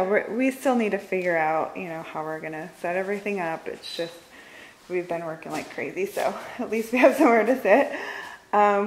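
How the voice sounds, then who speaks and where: Her voice fairly low, a woman in her thirties walks through a large house, past the open living room and kitchen, in a cheerful home tour vlog. She holds the camera, stays off screen, and chats with plenty of fillers. The recording is rough, with slight background noise.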